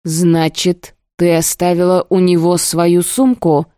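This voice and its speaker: A woman's voice: lowish voice, a little slow, darkish tone, no room sound, studio quality, lightly acted. A woman voicing an angry young man, a protective older brother who talks harshly through gritted teeth in an audiobook. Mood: harsh questioning. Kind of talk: audiobook dialogue.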